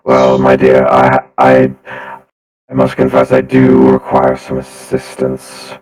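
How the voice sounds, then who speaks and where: A monotone robot lord posing as a human noble. The voice sits extremely low and barely moves in pitch, with stiff, halting courtesy. It is played in a tabletop roleplay game. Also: male voice, background noise. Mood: stiffly courteous. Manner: courtly, hesitant, halting speech. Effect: flat robotic voice.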